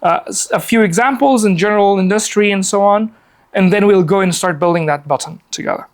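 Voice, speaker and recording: The workshop presenter, an Afghan man in his forties, gives a casual live presentation from a laptop in a meeting room, recorded by a camera across the room. His voice sits high and moves a little fast, chatty and upbeat with easy fillers.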